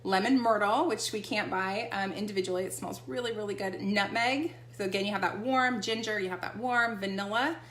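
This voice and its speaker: A woman's voice: medium pitch, fairly quick, few pauses, a bit bright. A woman, chatting casually as she demonstrates essential oils and often checks in with the listener. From Texas. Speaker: essential oil seller. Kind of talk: casual product demo chat. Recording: echoey room with faint hum.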